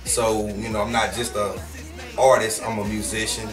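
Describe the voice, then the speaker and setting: A rapper from Houston, Texas, is interviewed as a guest and talks in a laid-back, slangy way with lots of fillers. His voice is on the low side with a level tone at normal speed. He sounds far from the mic, reverberant, and there's music underneath.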